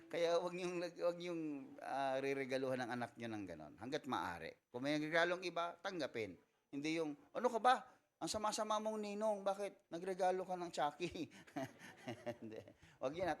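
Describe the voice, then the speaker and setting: A man with a Filipino accent, a pastor answering questions at a Sunday school service, joking often and switching into English. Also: mid-range voice. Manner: joking, mixes Tagalog with English. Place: church hall.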